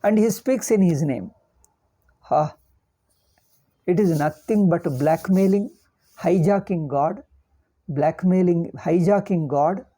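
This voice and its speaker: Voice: mid-range voice, takes it slowly, long pauses, warm tone. An older spiritual teacher with a South Indian accent gives an informal religious discourse, repeating words and phrases for emphasis.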